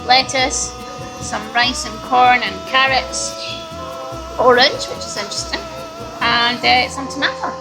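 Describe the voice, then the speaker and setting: A woman from the UK hosting a travel vlog, talking in a chatty, wry and animated way. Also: a little high, a little slow, long pauses, over music. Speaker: travel vlogger. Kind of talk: casual travel vlog chat.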